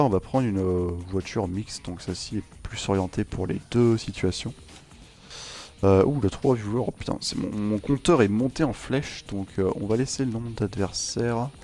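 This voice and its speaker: A man's voice: on the low side, darkish tone. Rambling man commentating his own gameplay. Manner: rambling, joking, many fillers and restarts. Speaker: gaming channel host. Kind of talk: casual game commentary. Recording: game sounds and music behind.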